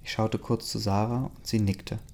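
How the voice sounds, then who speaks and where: Man, story reader, steady plain delivery, low pitch, warm dark tone. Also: normal speed, gravelly. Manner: steady, plain reading with small slips. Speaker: audiobook reader. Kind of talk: reading a first-person story aloud.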